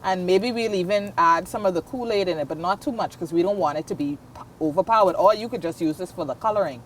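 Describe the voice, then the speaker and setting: A woman's voice: lowish voice, fast, slight background noise. A Bahamian woman guest on a talk show, chatting casually as she explains a recipe step by step. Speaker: guest cook. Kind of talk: casual chat.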